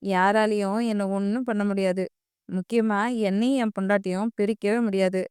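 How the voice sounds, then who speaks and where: A boastful middle-aged father with a short temper talks fast and forcefully, as a woman reads him in an audio story. The voice stays clear and dry. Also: medium pitch, steady tone, no room sound, close to an everyday voice.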